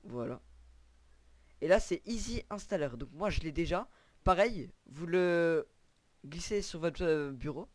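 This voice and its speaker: Young guy doing a chill screen tutorial, kinda high voice, lots of ums, dry close mic. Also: lively intonation, a little slow, pauses often, dry recording. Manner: casual, hesitant, lots of fillers. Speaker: tutorial creator. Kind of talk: screen-recorded gaming tutorial.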